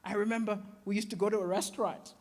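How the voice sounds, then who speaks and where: A man doing a stand-up comedy set, animated, slipping into voices for the people in his stories. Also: sits high, fast talker. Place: comedy venue stage. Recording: reverberant hall.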